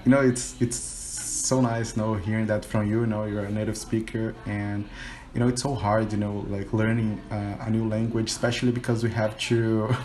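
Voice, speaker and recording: On a casual conversation practice call over video, an English teacher and learner from Brazil speaks English with a Brazilian Portuguese accent, Portuguese being his native language, and frequently drops in "you know." His lowish, slightly mellow voice is flat and moderately paced, and the recording quality is low.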